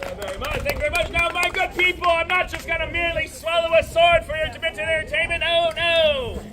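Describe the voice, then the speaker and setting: A man performing as a sword-swallowing street performer, delivering loud, rapid showman patter at an outdoor festival stage. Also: very high-pitched, level tone, a crowd in the background, background noise.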